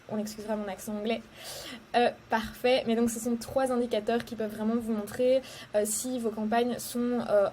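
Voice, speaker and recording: A woman's voice: medium pitch, mellow, a little hiss or hum. A young woman from Belgium explaining ad metrics in a casual tutorial, hesitant and full of fillers, going step by step. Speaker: social media ads coach. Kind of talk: casual tutorial talk to camera.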